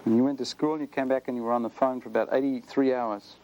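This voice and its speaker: A man's voice: medium pitch, fairly even intonation, quick pace, darkish tone, muffled recording, a little hiss or hum. A man preaching a sermon in an earnest, conversational way, now and then speeding up playfully.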